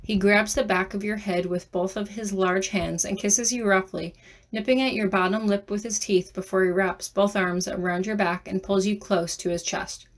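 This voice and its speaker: A woman narrating a second-person fan fiction audiobook in a soft, measured reading voice. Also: medium pitch.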